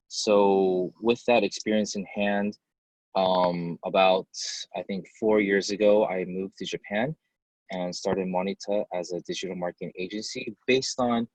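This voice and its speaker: A man's voice: low voice, dry recording, poor audio. A man raised in the United States, a company head answering interview questions over a video call, chatty with fillers and restarts. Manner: conversational, many fillers and restarts. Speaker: company CEO, guest.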